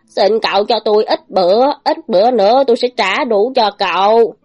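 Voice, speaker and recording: A woman's voice: fairly high pitch, lively intonation, moderate pace, muffled recording, faint music behind, natural voice. A woman voicing an anxious elderly male village teacher who pleads and protests in a storybook reading. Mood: distressed. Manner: pleading, anxious, sometimes indignant.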